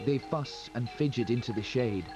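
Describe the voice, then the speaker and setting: Guy doing nature doc voice-over, measured and even, worn vhs tape sound, muffled, music loud behind him. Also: mid-range voice. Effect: worn VHS tape copy. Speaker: documentary narrator. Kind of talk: scripted nature documentary voice-over. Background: loud music score.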